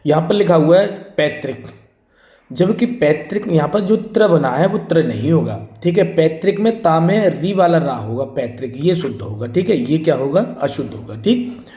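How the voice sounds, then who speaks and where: Speaking at normal speed with lively intonation, a man with a slightly high, warm voice teaches Hindi spelling for exams in a reverberant room. He drills by repeating words and answering his own questions, and he calls his students friends and brother.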